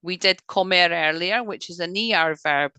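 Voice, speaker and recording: A woman leads a Spanish class over a video call, with a pitch that sits a little low and a bright, clear edge. She drills each word slowly and patiently, then checks in with her students. The sound is dry and close, with no room echo. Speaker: Spanish teacher. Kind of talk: online language lesson.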